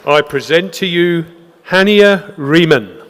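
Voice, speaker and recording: A man's voice: a little high, expressive, a bit bright, slight background noise. Formal male presenter in a hall. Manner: measured, formal, announcing names. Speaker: ceremony presenter. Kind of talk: formal ceremonial announcement. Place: large ceremony hall. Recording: hall reverb with faint crowd.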